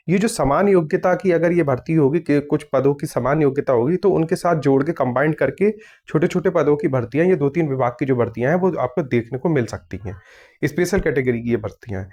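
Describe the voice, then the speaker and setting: His voice is a little high and darkish in tone. The young man hosts an exam news channel, and he reads out viewers' comments one after another, answering each firmly and casually with frequent "theek hai."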